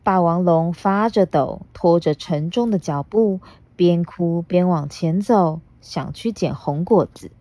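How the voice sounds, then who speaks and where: A woman reading a picture book aloud as podcast host, gently asking a child questions along the way. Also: on the low side, unhurried.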